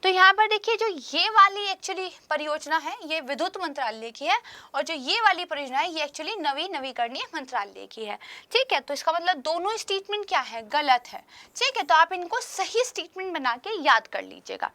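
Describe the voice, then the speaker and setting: Bright, high-voiced woman teaching exam prep. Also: very animated, normal speed, no room sound. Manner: explanatory, checks in with "right?" and "okay". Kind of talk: explaining current affairs with practice questions.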